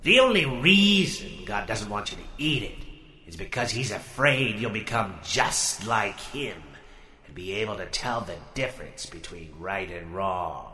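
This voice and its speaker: A man's voice: lowish voice, lively intonation, a little slow, sharp tone. A man voicing a sly, insulting male serpent who sneers as he tempts. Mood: sneering. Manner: sneering, scornful. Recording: echoey with long reverb.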